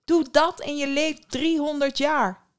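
A woman's voice: sits high, steady tone, measured pace, voice pushed up. A woman voicing the eldest mermaid sister, a protective young woman who pleads with insistence. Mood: urgent.

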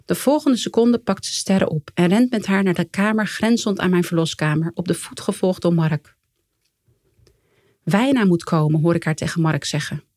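A woman reading her own memoir aloud in a calm, measured way, quietly voicing the lines of the people in it. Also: on the low side, dry recording, clean studio sound. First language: Dutch. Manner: calm, measured storytelling with quiet quoted dialogue. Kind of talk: first-person memoir reading.

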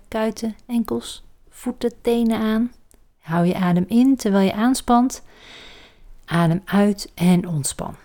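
A woman guides a relaxation exercise in a slightly low, mellow voice. She takes her time, with very slow phrasing. Her delivery is calm and soft, often fading into a breathy near-whisper.

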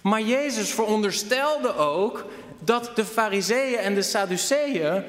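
Male preacher with a higher voice and lively delivery, recorded in a reverberant church hall. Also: measured pace. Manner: animated, addresses the congregation with rhetorical questions. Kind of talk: sermon.

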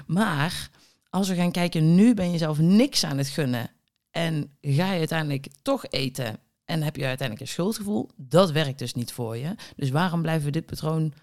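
A woman's voice: sits low, a little mellow. A woman hosting a solo podcast as a diet coach, talking in a chatty, blunt way with mild swearing and acted inner thoughts. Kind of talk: casual solo podcast monologue.

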